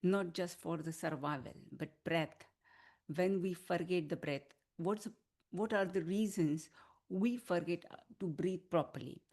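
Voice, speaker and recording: A woman leading an online wellness class as a healing teacher, giving soothing, unhurried instruction. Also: on the low side, darkish tone. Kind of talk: online wellness class talk with guided relaxation.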